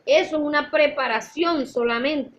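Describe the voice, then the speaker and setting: Woman, Sunday school teacher, high voice, earnest church teaching with personal stories, dull lo-fi recording. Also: moderate pace. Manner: earnest, storytelling, addresses listeners as brothers.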